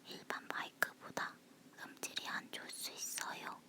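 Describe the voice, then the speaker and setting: A woman leans in close to a phone and whispers softly, her voice breathy and unvoiced. She chats casually in ASMR style at a moderate pace.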